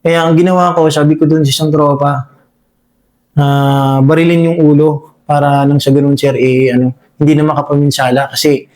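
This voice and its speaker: A man, a soldier, recounting a combat encounter in an interview, talking haltingly with many fillers and addressing the listener as sir over and over. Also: on the high side, flat delivery, darkish tone. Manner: halting, full of fillers, says "sir" constantly. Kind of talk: spoken war story in an interview.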